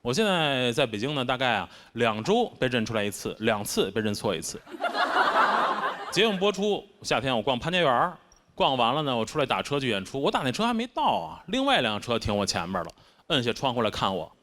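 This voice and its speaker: A man's voice: mid-range voice, sing-song, fairly quick, fairly bright tone. A man with a Beijing accent doing a stand-up comedy set, wry and self-mocking in his delivery. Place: stage before a live audience. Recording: constant background noise.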